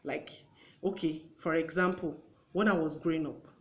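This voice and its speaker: A woman's voice: deep voice, steady tone, moderate pace. A woman hosting a conversational talk show. She gives earnest advice and acts out everyday exchanges as she goes.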